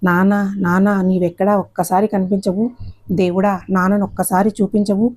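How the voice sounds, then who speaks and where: A woman's voice: medium pitch, level tone, normal speed, a little mellow, close to an everyday voice. A woman voicing a tearful young daughter who pleads plaintively. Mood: pleading. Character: young adult daughter, tearful and longing for her father.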